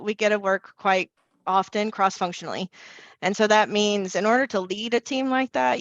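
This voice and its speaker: A woman speaking as a panelist in an online panel discussion, talking fast with energy and frequent restarts. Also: mid-range voice, dry recording, highs cut off. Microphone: video call.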